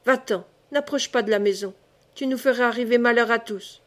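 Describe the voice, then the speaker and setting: A woman voicing a scared village baker woman who loudly turns someone away, in a storybook reading. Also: fairly high pitch, a little fast, close to an everyday voice. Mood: frightened harsh. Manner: sharp, loud, fearful refusals. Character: frightened village baker woman refusing harshly.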